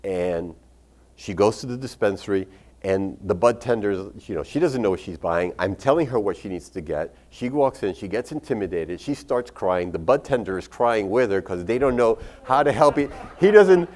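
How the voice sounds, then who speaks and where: A man's voice: on the low side, animated, normal speed, darkish tone. A man who is a doctor recommending medical cannabis, telling patient stories in a candid way with casual swearing. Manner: candid storytelling with casual profanity. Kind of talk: expo talk with patient stories.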